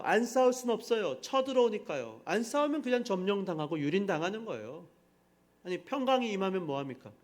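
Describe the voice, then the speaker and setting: A middle-aged man, the senior pastor, preaching a sermon in a church sanctuary, with emphatic rhetorical questions to the congregation. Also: high voice.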